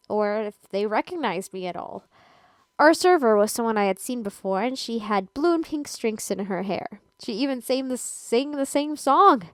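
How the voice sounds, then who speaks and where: A woman's voice: fairly high pitch, clean tone, no room sound. A young woman from the US Midwest, reading her own reflective story aloud. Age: young adult. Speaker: host.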